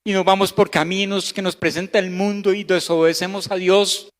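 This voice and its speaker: A man with a Costa Rican Spanish accent preaching a sermon as pastor, swinging between loud emphasis and hushed, slow passages. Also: high voice, level tone. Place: church hall. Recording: echoey church hall.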